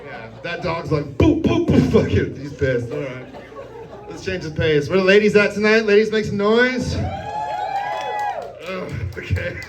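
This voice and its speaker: A young man with a fairly high voice does crude, brash stand-up on a club stage and laughs at his own punchlines. He is heard a little away from the mic, and a live crowd reacts behind him. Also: moderate pace, over music. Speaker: stand-up comedian. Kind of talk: stand-up comedy set. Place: comedy club stage before a live audience. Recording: live club recording, a bit far from mic, crowd audible.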